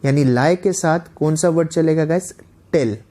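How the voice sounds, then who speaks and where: A male teacher giving an online lecture, reading example sentences slowly and often asking the class "got the point?". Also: a little high, mellow. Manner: reads English examples slowly and deliberately, often asks "guys, got the point?". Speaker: English teacher.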